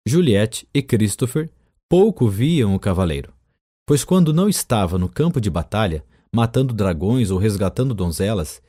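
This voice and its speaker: Warm-voiced male audiobook narrator. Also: medium pitch, no echo, studio quality. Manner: calm, measured storytelling. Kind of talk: scripted narration.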